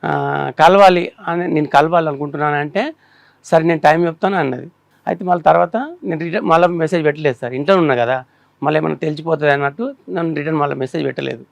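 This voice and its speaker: A man in his thirties pleads his case in a quick, rambling, repetitive way. His voice is gravelly and a bit high for a man. The studio sound is dry and close. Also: steady tone, no echo. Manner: pleading, rambling, repeats himself. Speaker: complaining husband. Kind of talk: pleading account on a family-dispute show.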